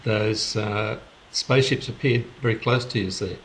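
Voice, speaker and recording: A man hosting a spiritual gathering over a video call, speaking in an unhurried, halting way with restarts. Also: fairly low pitch, steady tone, slight background noise. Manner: unhurried, halting, with many restarts and soft laughs. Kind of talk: casual reflective talk on a video call.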